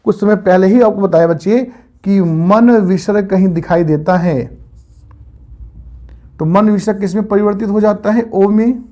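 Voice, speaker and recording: A man with a high voice teaches an online grammar lesson. He quizzes his students again and again and answers each question himself, patient and methodical. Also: normal speed, dark tone, highs cut off.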